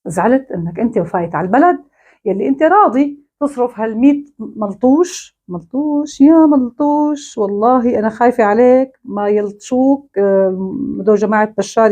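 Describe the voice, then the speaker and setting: A woman's voice: mid-range voice, darkish tone. A woman with a Syrian Arabic accent, delivering a mocking, scolding monologue straight to camera. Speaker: online commentator.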